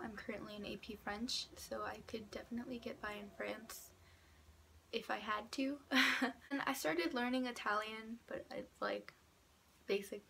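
With a fairly high, bright, forceful voice marked by vocal fry, an eighteen-year-old woman introduces herself casually to camera. She has a cold, sounds stuffed up, and keeps things chatty and a touch sarcastic. Recorded in a small room by a door, the clip carries light hiss or hum and passing cars.

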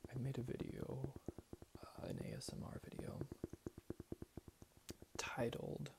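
A man in his twenties gives a soft, whispered ASMR pep talk in a hushed, deliberate manner with long pauses. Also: mid-range voice, lively intonation, gravelly. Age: 20s. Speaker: ASMR creator reading positive affirmations. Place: small bedroom at home, indoors.

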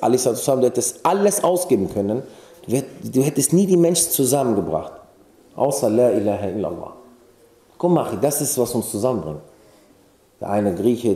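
Guy preaching, chatty storyteller style, drops arabic religious words, sounds roomy and echoey, middle-pitched voice. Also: mellow. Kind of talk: informal sermon. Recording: echoey room.

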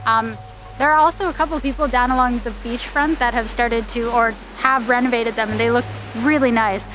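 A woman's voice: a little high, steady tone, fairly quick. A young woman exploring abandoned seaside houses and pointing things out to the camera, partly in voice-over narration. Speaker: travel vlogger. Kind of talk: casual travel vlog with voice-over narration. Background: music.

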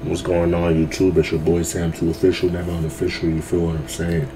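A man's voice: low-pitched, flat delivery, brisk, noisy background. A young man chatting casually as a YouTuber reacting to a game, tired and late at night, slangy and repeating himself as he trips over his words.

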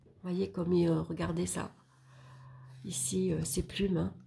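A woman casually reviewing an oracle card deck for her viewers, talking in a halting way with many fillers and restarts. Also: on the low side, level tone, gravelly, warm tone. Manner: hesitant, halting with frequent fillers and self-corrections; chatty, addresses viewers directly.

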